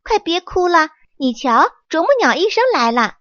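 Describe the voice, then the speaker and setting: A woman voicing a lively, excitable young male monkey in a children's storybook, with a high, quick and eager voice. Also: no echo, highs cut off. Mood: urgent. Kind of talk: storybook character voice.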